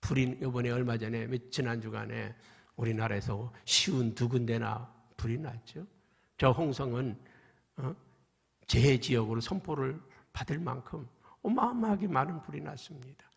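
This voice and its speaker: Male pastor, raspy and gravelly, dramatic sermon delivery in a reverberant sanctuary. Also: medium pitch, normal speed. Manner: dramatic preaching, swings from loud cries to hushed near-whispers. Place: church sanctuary.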